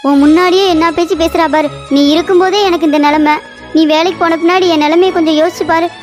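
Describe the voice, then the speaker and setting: A woman's voice: very high voice, steady tone, quick pace, faint music behind. A woman voicing a scheming older mother-in-law in a cartoon, nagging and fake-weepy. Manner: scolding, then fake-weepy.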